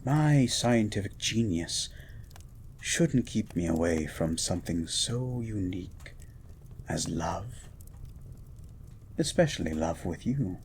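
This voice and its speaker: A man playing a gentle, erudite beast of a scientist in a romantic audio roleplay, speaking in eloquent, formal, flirtatious phrases and lingering over his words. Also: deep voice, expressive, takes it slowly, pauses often, slight background noise, full character voice. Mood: devoted.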